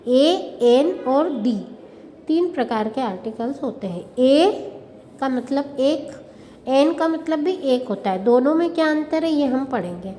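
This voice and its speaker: A woman's voice: sits high, animated, unhurried, mellow. A woman teacher explaining grammar in a classroom lesson, asking questions and answering them herself. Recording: reverberant room, faint background noise.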